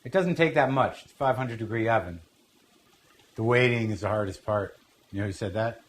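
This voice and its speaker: A man's voice: on the low side, brisk. A man hosting a casual cooking demonstration, talking bluntly with rambling, profane asides. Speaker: cooking show host. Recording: faint noise, sizzling pan.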